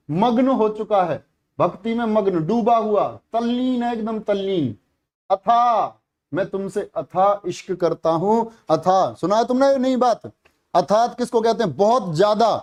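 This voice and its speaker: High-voiced male teacher quizzing students. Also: a little mellow. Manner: repeats each word, quizzes the students. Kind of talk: classroom lesson.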